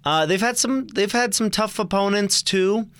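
A man's voice: high-pitched, moderate pace, fairly bright tone, clean tone, no room sound. A young man co-hosting a casual college sports preview, chatty and joking, often stumbling and correcting himself. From United States. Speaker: sports show co-host.

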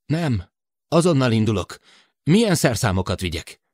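A man's voice: mid-range voice, sing-song, darkish tone, no room sound, studio quality, pitched above the performer's own voice. A man voicing a tired, irritable young male crewman who speaks curtly and tensely. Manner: tense, curt and quick-tempered.

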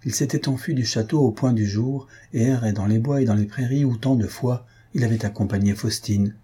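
A man narrating a novel in measured, even storytelling. His voice is mellow and warm with a husky grain, at a middle pitch for a man. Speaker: audiobook narrator.

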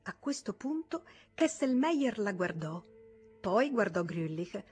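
A woman reading a novel aloud in a measured storytelling manner. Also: medium pitch, big pitch swings, darkish tone, slightly rough, soft background music. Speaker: audiobook reader.

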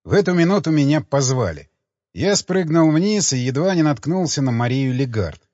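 A man narrating a thriller in the first person as an audiobook reader, with expressive, lively intonation. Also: fairly high pitch, moderate pace, no room sound, dull audio.

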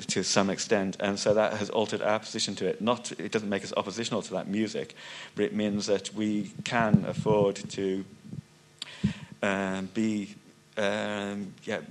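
In a conference hall, a deep-voiced music magazine writer speaks hesitantly during an unscripted panel discussion. He restarts often, uses many fillers, and loses his thread.

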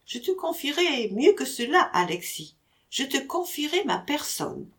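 A woman reading a storybook audiobook, voicing a witty gentleman master who teases his servant in mock-stern banter. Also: high voice, big pitch swings, unhurried, pitched above the performer's own voice. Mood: teasing.

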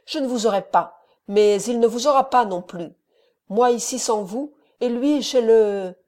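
A woman voicing a furious, rash young man who declaims loudly and heatedly, in a mellow reading voice. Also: on the high side, expressive, normal speed, close to an everyday voice.

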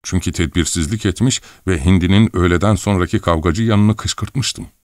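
A man reading a first-person audiobook story in an expressive, wry storytelling manner. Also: sits low, normal speed, no echo, studio quality. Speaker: audiobook narrator.

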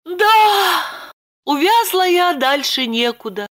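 A woman voicing an anxious, fretful young woman in an audiobook, speaking high and flustered. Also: animated, measured pace, fairly bright tone. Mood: fretful, pleading. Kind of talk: audiobook character voice.

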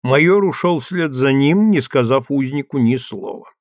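A man narrating a novel in measured storytelling. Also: medium pitch, expressive, no echo, clean studio sound. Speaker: audiobook narrator. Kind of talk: scripted narration.

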